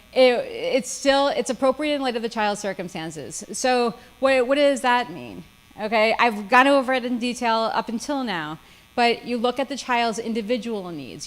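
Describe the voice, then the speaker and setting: A woman's voice: medium pitch, poor audio. A woman lawyer giving a seminar lecture, with frequent "okay?" check-ins and dry sarcasm. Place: seminar room.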